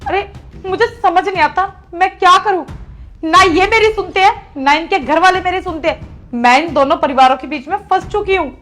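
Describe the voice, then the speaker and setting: A nagging, scolding young wife. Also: female voice, extremely high pitch, moderate pace, a bit bright. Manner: scolding, repeatedly demanding answers. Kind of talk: acted family short drama.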